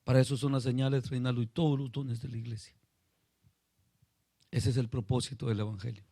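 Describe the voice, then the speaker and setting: Pastor preaching to a small flock. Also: male voice, medium pitch, flat delivery, a little fast, mellow, no room sound. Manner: addresses listeners by name, asks them questions; retells a story acting out voices. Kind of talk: sermon. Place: small congregation meeting.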